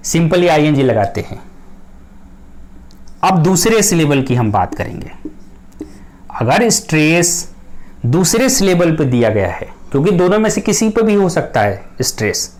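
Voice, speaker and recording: A man's voice: on the high side, darkish tone. Patient male English grammar teacher. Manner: patient, repeats key points, reassuring. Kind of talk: explanatory lesson.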